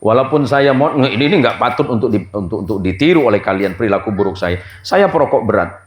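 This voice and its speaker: Older preacher joking, echoey hall. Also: male voice, lowish voice, fast talker. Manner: jokey, lively, mixes in regional dialect. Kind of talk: humorous sermon storytelling.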